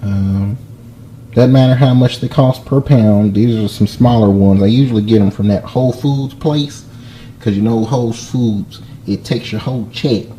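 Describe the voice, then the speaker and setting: A man putting on a Southern drawl to play a folksy country cook giving a joking cooking lesson in a deadpan way. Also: fairly low pitch, moderate pace, close to an everyday voice. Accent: put-on Southern US drawl. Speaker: home cook. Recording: echoey room with faint noise.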